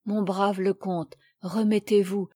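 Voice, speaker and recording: Woman reading a serious old gentleman, slow and soothing, dry sound. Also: mid-range voice, little pitch movement, no room sound. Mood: grave. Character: gentleman, older man, calm, grave.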